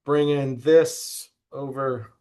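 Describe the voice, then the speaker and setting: A man's voice: mid-range voice, very slow, smooth. A man in his thirties teaching an online statistics class over a video call, checking in often with "okay?". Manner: relaxed, repeats "okay?" to check in. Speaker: instructor. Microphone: computer mic on a video call.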